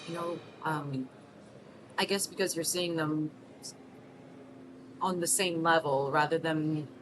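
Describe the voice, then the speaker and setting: Deep-voiced and hesitant, a woman in her thirties from Mexico City fills her lines with ums and restarts. She portrays a soft-spoken, self-conscious 38-year-old single mother in a scripted short-film monologue, replying to questions that aren't heard. The recording carries noticeable background hiss.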